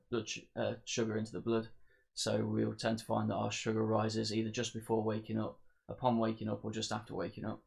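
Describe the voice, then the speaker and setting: Low gravelly-voiced man explaining. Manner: plain, matter-of-fact explaining. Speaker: channel host. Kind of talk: explanatory talk to camera.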